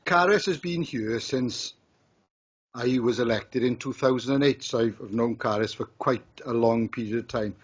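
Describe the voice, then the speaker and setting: A Welsh man leads a farewell tribute with light jokes and frequent restarts. His voice is husky and mid-pitched. The mic sound is dull and lo-fi. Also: moderate pace. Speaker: council leader. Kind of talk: tribute speech at a council meeting.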